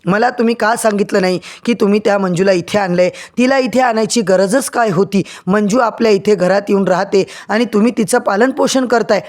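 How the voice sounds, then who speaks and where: A man's voice: high voice, brisk, hardly any pauses, lightly acted. A man voicing an angry young heir in a serial recap, indignant and demanding answers. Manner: indignant, shouting complaints.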